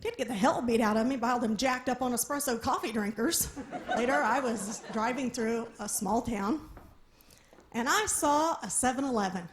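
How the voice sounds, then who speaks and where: A woman's voice: on the high side, moderate pace, slight background noise. A woman performing a stand-up comedy set, telling a story and acting out the people in it, laughing at her own jokes. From small town. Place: live comedy venue with audience.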